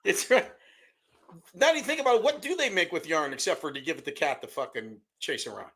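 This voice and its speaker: A man's voice: a little high, animated, a little fast, creaky, fairly bright tone, slightly rough. A man co-hosting a podcast in a studio, chatting in a crude, teasing way and laughing often. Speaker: podcast co-host. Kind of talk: casual chat.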